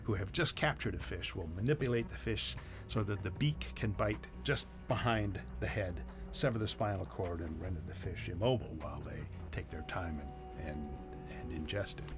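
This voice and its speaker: Male expert, documentary interview, lowish pitch, measured explanatory phrasing, music behind. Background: background music.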